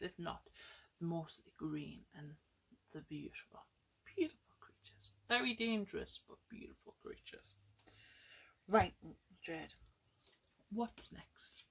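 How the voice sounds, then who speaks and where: A young woman tells a story to children with paper puppets, speaking to them directly with questions and exclamations. Her voice is fairly low, creaky, husky and a little bright. She's indoors in a small room at home.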